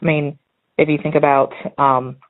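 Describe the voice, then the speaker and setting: An American woman calling in as a listener leaves a casual voicemail, earnest and a little hesitant as she thinks aloud. Her low voice moves little in pitch at a moderate pace, and the phone recording sounds muffled.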